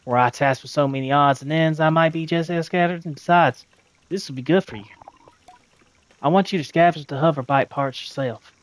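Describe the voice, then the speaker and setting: A man's voice: fairly high pitch, fairly quick, voice pushed up, natural voice. Cizo, a throaty southern mentor, voiced by a man. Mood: patient, instructive. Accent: American Southern. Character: serious throaty female machinist mentor.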